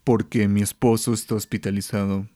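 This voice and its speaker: A man's voice: fairly low pitch, level tone, brisk, dark tone, lightly acted. A man voicing an angry, foul-mouthed middle-aged woman customer who complains and insults. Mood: complaining.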